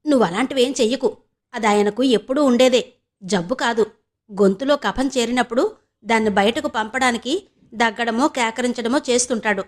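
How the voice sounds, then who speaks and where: A woman doing anxious middle-aged mother, coaxing tone, somewhat high, audio novel. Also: moderate pace, lightly acted. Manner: coaxing, fretful.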